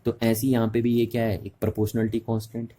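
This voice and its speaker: A man with a lowish, dark voice speaks quickly and in a monotone, with a faint hiss or hum in the background. He is teaching physics in a blend of Hindi and English, patiently repeating key terms and checking that his students are keeping up.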